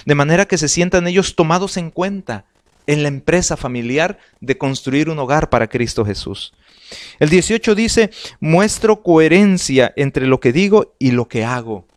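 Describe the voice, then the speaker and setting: A man's voice: a little high, expressive, normal speed. A man with a Salvadoran Spanish accent giving an earnest family life sermon, reading slides aloud and repeating words as he goes. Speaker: pastor.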